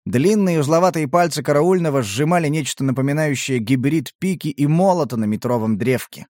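A man's voice: fairly high pitch, fairly quick, darkish tone, dry recording, clean studio sound. A man reading a first-person audiobook in a tense, dramatic storytelling manner. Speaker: audiobook narrator. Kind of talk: scripted first-person narration.

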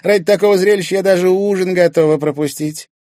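A man's voice: high-pitched, fairly even intonation, fast, dark tone, no room sound, clean studio sound, voice pushed up, lightly acted. A man voicing a scheming, mocking teenage girl who taunts with a sneer, in an audiobook.

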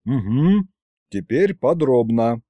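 Man doing eager young man, excitable, raised pitch, dark mellow tone, storybook. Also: slow, no echo. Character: eager young man, tsar's adopted son and clerk.

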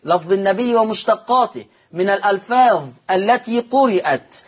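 A man with an Egyptian accent teaching Quran recitation rules, patiently explaining and repeating words slowly for emphasis. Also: high-pitched, expressive, husky. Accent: Egyptian Arabic. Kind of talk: televised religious lesson.

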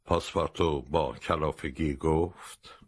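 A man narrating an abridged classic novel as an audiobook, in a steady, even storytelling voice. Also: rumbling low, slight background noise.

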